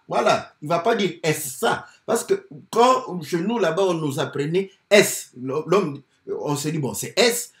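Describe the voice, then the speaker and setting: A man preaching a sermon, teaching slowly with many fillers and repeated words. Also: high voice. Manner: slow, lively teaching with many fillers and repetitions. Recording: echoey room.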